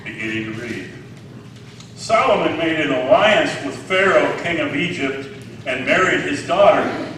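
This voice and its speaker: Captured by a distant mic in a large, echoey hall with slight background noise, a pastor in his sixties delivers a conversational sermon, asking his congregation questions. His voice is fairly high-pitched and a bit bright.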